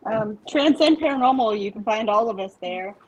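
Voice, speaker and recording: A woman's voice: a little high, expressive, normal speed, over a noisy crowd. A woman, a paranormal investigator chatting casually and self-deprecatingly. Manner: easygoing, rambling, self-deprecating. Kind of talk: casual chat. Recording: dull, muffled audio.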